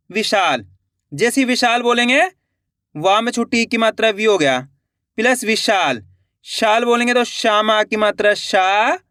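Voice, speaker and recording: Bright, high-voiced male teacher. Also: dry recording, clean studio sound. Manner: draws out each word and drops low to finish it; asks the viewer questions and repeats answers. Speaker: Hindi writing teacher. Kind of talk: slow, patient spelling lesson.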